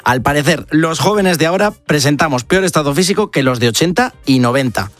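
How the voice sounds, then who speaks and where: A man from La Mancha talks quickly and cheerfully on the radio, reading the weather forecast with ease. His voice sounds close and dry, with faint music in the background. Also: fairly high pitch, animated, fairly bright tone, no room sound. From La Mancha, Spain. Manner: brisk, cheerful, reads forecasts fluently. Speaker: radio co-host, weather presenter. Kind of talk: radio chat and weather report. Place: radio studio.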